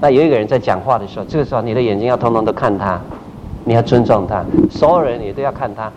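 Middle-aged male pastor, animated teacher who acts out his examples, muffled lo-fi audio with loud noise behind. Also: medium pitch, quick pace. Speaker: pastor teaching group leaders. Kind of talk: church training talk. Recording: dull recording with loud background noise.

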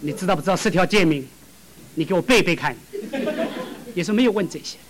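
A man preaching a sermon, telling stories with acted dialogue and swinging from loud to hushed. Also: sits high, fast talker.

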